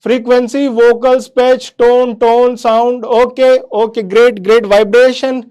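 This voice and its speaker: A man's voice: very high voice, little pitch movement, unhurried, darkish tone, smooth. A man teaching kids in a live online class, quizzing the chat and often calling them "beta". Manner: quizzes the chat, calls students "beta", repeats "theek hai"; mixes English into explanations.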